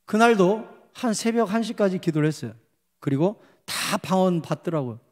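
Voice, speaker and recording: A man's voice: high-pitched, moderate pace. A man preaching a revival sermon as pastor, telling stories animatedly and acting out the voices of the people in them. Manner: animated, acts out quoted voices. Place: church sanctuary. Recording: long church hall reverb.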